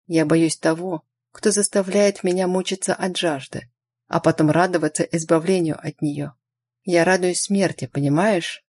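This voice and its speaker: A woman's voice: lowish voice, steady tone, normal speed, darkish tone, breathy edge, no room sound. A woman doing a grim, curt hunter. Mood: brooding. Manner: clipped, commanding questions. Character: grim wary male hunter, low and curt.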